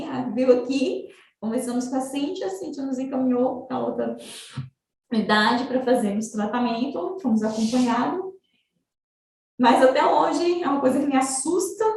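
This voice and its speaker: High-voiced mother, distant and roomy. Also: a little mellow. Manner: emotional, halting, many fillers. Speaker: mother giving testimony. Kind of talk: personal testimony in a webinar.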